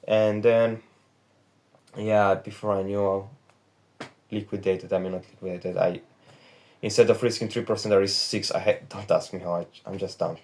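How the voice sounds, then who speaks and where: Recorded with a phone's back camera in his bedroom, this 18-year-old trading vlogger from Romania delivers a rambling, profane, candid confession in his Romanian accent. His voice is lowish and darkish in tone, fairly even, moderately paced, with frequent pauses.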